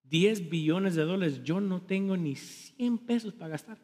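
Pastor, male, high voice, unhurried delivery; sermon in a church with lingering reverb. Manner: animated preaching, asks the congregation questions; self-deprecating humor. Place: church sanctuary.

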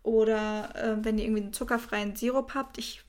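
Young woman cohost, kinda high voice, super enthusiastic about food, throws in english words, casual chat. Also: fairly even intonation, fairly quick. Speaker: podcast co-host.

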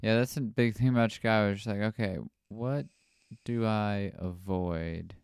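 A young man, a comedian, chatting casually on a podcast in a quiet, monotone voice, just woken up. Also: lowish voice, normal speed, vocal fry, smooth, dry recording, studio quality. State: sleepy. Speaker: comedian guest.

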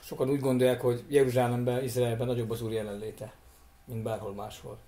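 A man's voice: medium pitch, level tone, warm tone. A man taking part in a casual discussion, speaking hesitantly and searching for his words. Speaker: discussion participant.

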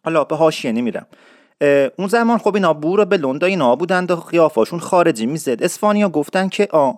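Brief: male host, slightly high voice, dry close sound, patient teacher with playful asides. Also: no room sound. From Isfahan, Iran. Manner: explanatory, playful asides, slowly repeats example words. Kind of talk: informal radio-style language lesson.

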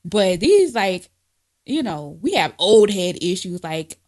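A woman's voice: mid-range voice, sing-song, slow pace, a little mellow. A woman co-hosting a podcast, chatting casually in a blunt, profane way and laughing often. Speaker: podcast co-host. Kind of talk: casual chat.

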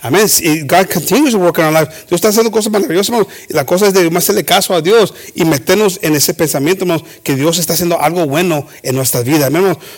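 A man's voice: quick pace, hardly any pauses. A man preaching a bilingual sermon with many restarts, rising to emphatic exhortation. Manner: preaching with frequent restarts and "hermanos"; rises to emphatic high-pitched exhortation.

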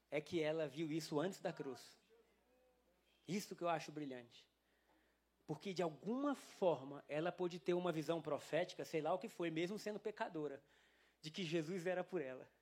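A man's voice: fairly high pitch, moderate pace. A male pastor with a Brazilian Portuguese accent delivering a sermon in church, telling a story and acting out the dialogue. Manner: animated storytelling, acts out quoted dialogue.

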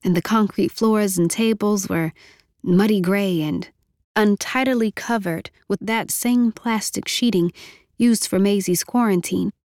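A woman reading a novel aloud as narrator, in steady, measured storytelling. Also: medium pitch, no room sound, clean studio sound. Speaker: audiobook narrator. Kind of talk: scripted narration.

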